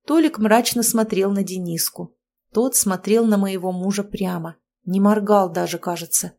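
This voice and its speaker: Female audiobook narrator, steady and wry. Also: medium pitch, moderate pace. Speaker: audiobook reader. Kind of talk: first-person audiobook narration.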